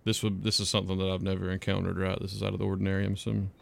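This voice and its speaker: A man's voice: low voice, completely flat delivery, racing, creaky, no echo. A man playing a tabletop role-playing game, talking casually through what his character does.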